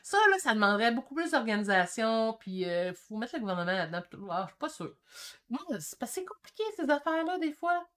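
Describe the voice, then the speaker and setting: Excitable Québécoise woman in her fifties. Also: a little high. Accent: Québécois French. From Quebec. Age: 50s. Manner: excitable and chatty, quick shifts in energy. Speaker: painting channel host. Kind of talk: casual livestream chat reading comments.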